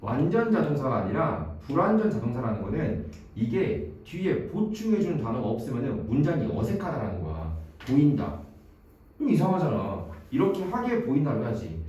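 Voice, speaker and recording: A man's voice: mid-range voice, wildly swooping pitch, normal speed, dark tone, lo-fi sound. A man teaching an exam-prep English grammar lecture in a classroom, quizzing students by name and using playful memory tricks. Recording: very echoey room, voice from a distance, faint noise.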